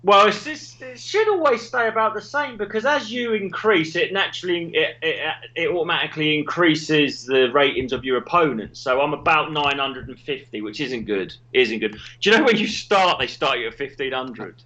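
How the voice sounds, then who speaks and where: Man, casual comedy chat, sweary, bright voice, slightly dull call audio. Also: on the high side, moderate pace, hardly any pauses. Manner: excitable, swears freely, voice leaps up and down. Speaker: podcast co-host. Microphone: remote call.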